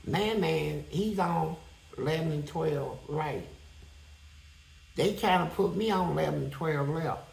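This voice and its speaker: As an interview guest, a high-voiced man recounts a prison story bluntly, profanely and with lots of animation. His pace is measured, his voice creaky, and the recording sounds roomy.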